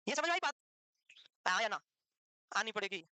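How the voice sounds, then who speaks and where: A woman's voice: mid-range voice, expressive, normal speed, sharp tone, no echo, poor audio. A woman teaching a classroom lecture for nursing exam prep. She quizzes students, answers her own questions and scolds them with teasing banter.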